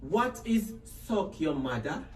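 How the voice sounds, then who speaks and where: A man's voice: a little high, very animated, slow pace, far from the mic. A man playing himself in a comedy sketch, flustered and apologetic. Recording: echoey room, off-mic.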